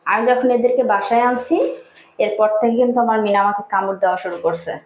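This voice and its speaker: A woman's voice: quick pace, slight background noise. A woman vlogging at home, chatting to her viewers and coaxing her pet birds in a sing-song voice. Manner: coaxing, sing-song baby talk to the birds, rising high when calling them. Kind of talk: casual vlog chat, talking to her pet birds. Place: home, indoors. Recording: echoey room, dull lo-fi sound.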